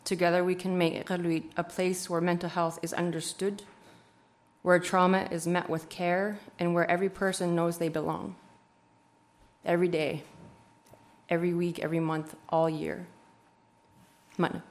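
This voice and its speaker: A female councillor reads a prepared statement in a formal setting. Her voice sits on the low side, and she phrases things in a measured, rhetorical way. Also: flat delivery. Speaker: city councillor.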